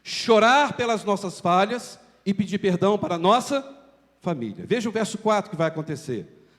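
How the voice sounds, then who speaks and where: Man, emphatic sermon, high voice, long church reverb. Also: expressive, moderate pace, fairly bright tone. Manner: emphatic preaching with rhetorical questions. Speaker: pastor. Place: church sanctuary.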